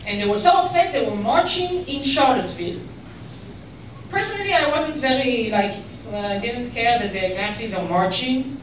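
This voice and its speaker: A woman from Israel with an Israeli accent doing a stand-up comedy set, deadpan and ironic with bursts of mock outrage. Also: on the high side, normal speed. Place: comedy club stage. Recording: echoey club, mic far away, audience noise. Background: audience laughter.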